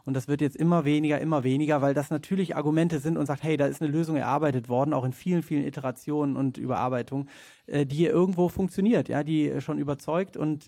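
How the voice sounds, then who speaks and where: Gravelly-voiced man, hesitant podcast guest. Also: mid-range voice, warm tone. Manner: hesitant, many filler sounds and restarts. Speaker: podcast guest, head of a nonprofit. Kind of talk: podcast conversation.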